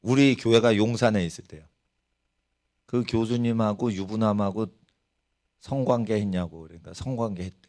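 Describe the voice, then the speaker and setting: A man's voice: lowish voice, normal speed, pauses often. A middle-aged man, a pastor, preaching a sermon in church, telling stories and putting questions to the congregation. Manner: animated storytelling preacher, rhetorical questions to the congregation. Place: church sanctuary.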